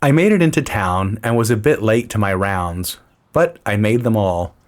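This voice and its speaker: A narrator with a fairly low voice reads a first-person story. He sounds dry, measured and low-key, keeping the even manner of scripted storytelling.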